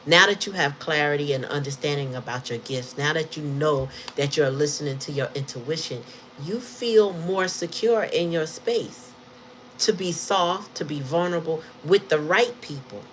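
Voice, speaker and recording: A woman's voice: sits low, moderate pace, fairly bright tone, rough recording. Woman, tarot reader, casual slangy storytelling, frequent laughter, faint noise behind. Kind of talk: casual tarot reading chat.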